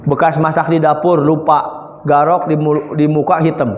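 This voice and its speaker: A man's voice: fairly high pitch, flat delivery, moderate pace. A male preacher giving a playful sermon to children, acting out little scenes and chanting verses. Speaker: preacher (ustad). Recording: echoey hall.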